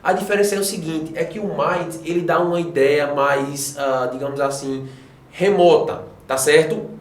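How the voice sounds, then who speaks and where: A Brazilian man teaching an English grammar lesson, animated and often checking in with his students. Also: fairly high pitch, normal speed, echoey room. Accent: Brazilian Portuguese. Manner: animated, addresses students directly with frequent checks. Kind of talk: classroom lesson explaining grammar.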